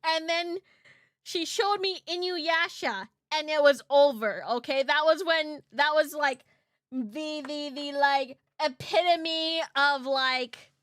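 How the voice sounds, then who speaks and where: Cute, bright, high-voiced anime-style woman streamer. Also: slow, no room sound, clean studio sound. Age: 30s. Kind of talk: casual livestream chat.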